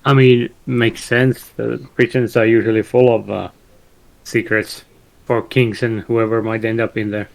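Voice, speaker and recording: A man playing in a tabletop game who makes dry, deliberate remarks. His voice is gravelly and he talks slowly. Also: on the low side, level tone. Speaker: player. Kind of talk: casual tabletop banter.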